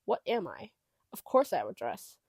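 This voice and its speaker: A woman's voice: fairly low pitch, wildly swooping pitch, normal speed, gravelly, darkish tone, breathy edge, dry recording, full character voice. A blunt, sassy teenage girl from a storybook reading, polite on the surface and cutting underneath, as a woman voices her. She stretches her words for emphasis. The sound is close and dry. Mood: offended.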